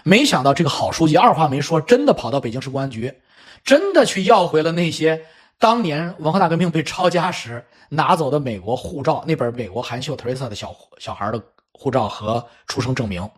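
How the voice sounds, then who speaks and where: A middle-aged man from China telling a true story in an animated, chatty way, with spoken asides. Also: on the high side, a little fast, breathy edge. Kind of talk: casual storytelling commentary.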